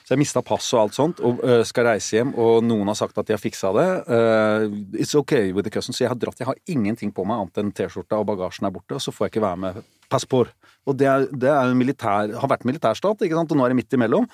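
A man chatting as a guest, telling a story with lively acted-out voices and sudden shouts. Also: medium pitch, dry recording, studio quality. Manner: animated, acts out voices and shouts in his stories. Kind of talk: casual podcast chat, lively storytelling.

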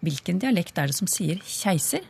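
Low-voiced woman hosting a radio show. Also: a little mellow. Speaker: radio host reading listener questions. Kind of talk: radio hosting, reading letters aloud.

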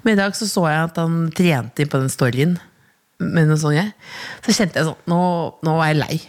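A woman co-hosting a relaxed talk show, chatty and giggly, acting out little quotes. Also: low voice. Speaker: co-host. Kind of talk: casual chat.

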